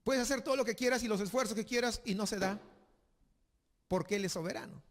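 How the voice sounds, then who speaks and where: Male pastor, high voice, emphatic sermon delivery, long hall reverb. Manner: emphatic preaching, slows for reading scripture aloud.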